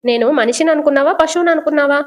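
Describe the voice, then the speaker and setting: Rebellious young son, defiant and protesting, high-pitched, woman narrator doing him. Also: rapid-fire, natural voice.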